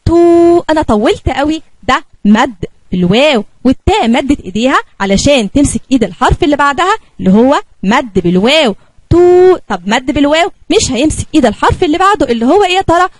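A woman with an Egyptian Arabic accent teaches a kindergarten spelling lesson, slowly drawing out letter sounds for young children. Her voice is high with lively intonation, and the recording is dry.

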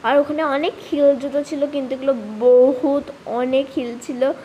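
A woman narrating her vlog in a casual way, at times talking quietly so as not to be overheard. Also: high voice, little pitch movement, normal speed, muffled recording, a little hiss or hum. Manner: quiet, hushed talk to keep a surprise. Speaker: vlogger. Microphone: voice-over recorded later.

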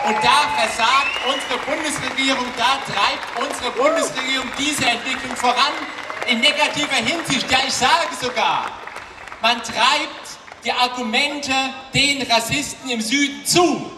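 A man's voice: very high-pitched, slight background noise. A middle-aged man giving an impassioned rally speech on an outdoor stage into a handheld mic, asking rhetorical questions. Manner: forceful, rhetorical questions, often shouting. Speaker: rally speaker. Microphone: handheld mic, filmed from the crowd. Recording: distant PA sound echoing outdoors with crowd.

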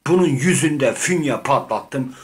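A man's voice: medium pitch, lively intonation, a little slow. A man rambling through a comic, improvised account of his game, swearing often and acting out the lines of others. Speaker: gamer.

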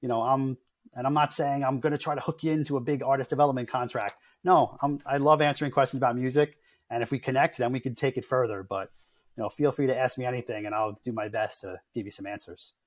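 A man's voice: medium pitch, fairly even intonation, fast talker. A middle-aged man, a guest on a podcast, talking in an easygoing way and chuckling between remarks. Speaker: guest, music industry consultant. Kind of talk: casual podcast interview.

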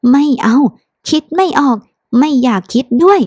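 A woman's voice: on the high side, animated, normal speed, a little mellow, no room sound, studio quality. A woman voicing a jealous young wife who sulks and pouts at her husband in a storybook reading. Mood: sulky. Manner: pouty, sulky.

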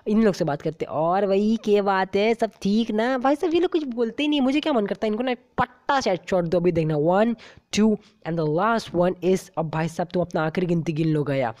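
A woman giving chatty, excitable comic game commentary in character as a cheeky baby gangster boy. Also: medium pitch, normal speed. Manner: excitable, chatty, exclaiming often. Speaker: gaming YouTuber.

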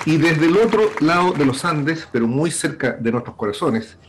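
A middle-aged Chilean man hosts a political talk show from a home room lined with bookshelves, speaking over a video call through a headset. His voice sits on the high side and sounds animated at a normal speed, with a little hiss or hum. His introductions are formal and wordy, packed with fillers.

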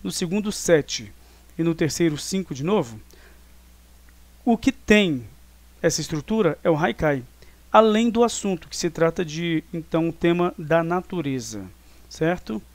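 A man's voice: a little high, animated, a little slow. A Brazilian man teaching a review class online, explaining step by step with many tag questions and fillers. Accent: Brazilian Portuguese.

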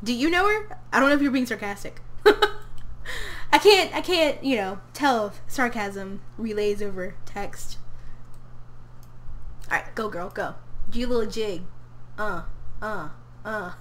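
A woman's voice: mid-range voice, expressive, a little slow, long pauses, fairly bright tone, slight background noise. A young woman from Tennessee, casually chatting and giggling while streaming a game, talking to her character and her chat. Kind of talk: casual live-stream commentary. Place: home room.

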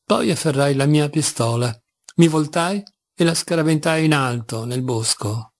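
Gravelly-voiced man reading a novel. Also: fairly high pitch. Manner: measured, expressive reading with dramatic pauses. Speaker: audiobook reader. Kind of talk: literary audiobook narration.

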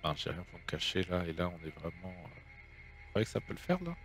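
A man's voice: low voice, sing-song, a little fast, fairly bright tone, soft background music. A man hosting a let's play, commenting casually on his gameplay with jokes and reading the game's lines aloud. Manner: joking, reads game dialogue aloud in French.

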